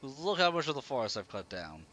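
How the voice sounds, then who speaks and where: A man's voice: medium pitch, sing-song, quick pace, pushed and bright. A man streaming a game, giving casual live commentary as he thinks aloud and grumbles. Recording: clear background noise.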